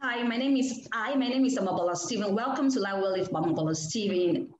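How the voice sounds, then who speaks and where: A woman's voice: medium pitch, fast, loud music behind the voice. Effusive woman host in an echoey room. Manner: warm, effusive, with fillers. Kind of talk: casual interview. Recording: echoey room, faint noise.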